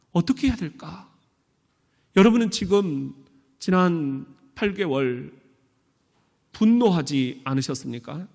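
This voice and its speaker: A man preaching a sermon as pastor, emphatic, with sudden high bursts on key words. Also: creaky, darkish tone. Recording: long hall reverb.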